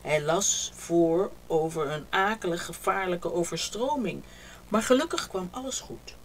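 A woman reading a children's picture book aloud, telling the story warmly and expressively. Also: on the low side, a little slow, slight background noise, poor audio.

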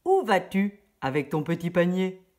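A woman voicing a sly, hungry male wolf in a storybook, loud and drawn out. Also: lowish voice, big pitch swings, normal speed.

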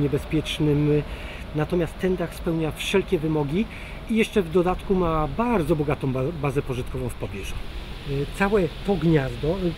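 Middle-aged beekeeper man over buzzing outdoor noise. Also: on the high side. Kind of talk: informal explanatory talk to camera while working. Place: open rooftop apiary, outdoors. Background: bees buzzing, outdoor ambience.

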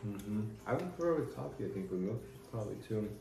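A woman's voice: rumbling low, animated, quick pace, dark tone, slight background noise. A woman chatting casually and playfully with her family at a snack tasting. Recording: echoey room.

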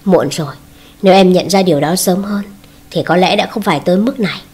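A stern husband speaks to his wife in cold, firm, final sentences, read by a woman narrator. The voice is slightly husky and is read as a storybook scene. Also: lowish voice, a little fast, darkish tone.

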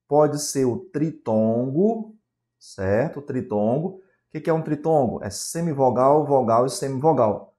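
Brazilian guy teaching grammar, relaxed warm voice, asks himself questions then answers em. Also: medium pitch, measured pace. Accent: Brazilian Portuguese. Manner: asks questions in a student's voice and answers them himself, with frequent tag questions. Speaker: exam prep teacher. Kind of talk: classroom grammar lecture.

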